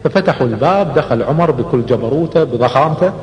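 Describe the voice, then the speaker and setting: A man telling a sermon story dramatically, rising to loud exclamations. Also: medium pitch, lively intonation, fast talker. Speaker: preacher. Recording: echoey hall with long reverb.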